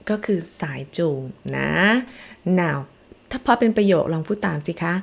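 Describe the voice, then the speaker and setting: A woman teaching English phonics to children, coaxing them warmly and saying model sentences slowly for them to repeat. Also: fairly low pitch, vocal fry. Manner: lively, coaxing, calls learners "ลูก" and has them repeat.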